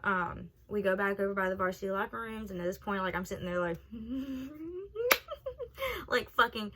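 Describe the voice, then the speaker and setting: Young woman, vlogger, casual storytime, swears freely, lively and candid delivery. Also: medium pitch, quick pace. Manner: candid, profane, animated storytelling. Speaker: vlogger telling a personal story.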